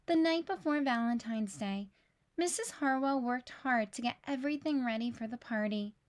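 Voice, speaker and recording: Reading a children's picture book aloud, a woman tells the story expressively in a slightly high voice at a normal pace.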